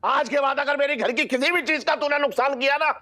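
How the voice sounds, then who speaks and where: A man's voice: very high-pitched, a little fast, sharp tone. An actor playing a stingy, short-tempered middle-aged boss who mocks and scolds his servant. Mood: angry. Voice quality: scolding, mocking. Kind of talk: sitcom acting. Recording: music bed behind.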